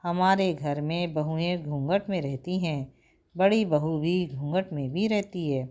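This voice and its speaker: A woman's voice: low-pitched, a little slow, dark tone, highs cut off. A woman voicing a strict, old-fashioned mother-in-law who gives commands and scolds, in a storybook tale. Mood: stern.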